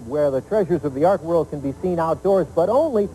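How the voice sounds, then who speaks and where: A man's voice: on the high side, animated, fairly quick, dark tone, slight background noise, rough recording. A man with an American accent presenting a scripted travel program as host. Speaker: travel news show host.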